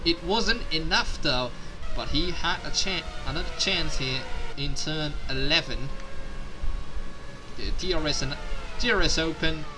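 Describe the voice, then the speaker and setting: A man with a slightly high voice works as a motorsport commentator, calling a race live. He speaks in a halting way, repeating and correcting himself mid-sentence. Clear noise of racing vehicles runs behind his voice. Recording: noisy, with vehicle sounds behind.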